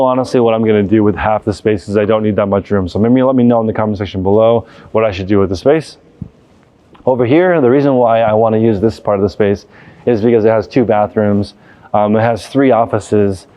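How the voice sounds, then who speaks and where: This clip has a reselling business owner speaking off the cuff as he tours a big, empty warehouse for his vlog. The audio is dull, and his pitch is fairly low.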